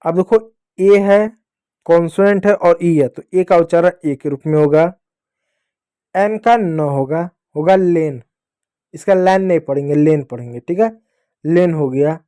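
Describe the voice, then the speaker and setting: A man's voice: a little high, measured pace, long pauses, mellow. Man teaching English spelling. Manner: spells words letter by letter, repeats answers; addresses the class as children. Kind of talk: spelling lesson for kids.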